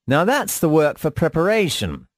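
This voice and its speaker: A man delivering a scripted instructional monologue in a measured, formal teaching manner. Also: on the high side, very animated, no echo, studio quality. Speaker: lecturer.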